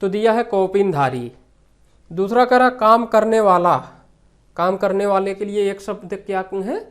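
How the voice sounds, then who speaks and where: A man's voice: high voice, a little slow. A man teaching an exam-prep grammar lesson, asking questions and answering them himself, repeating the key terms.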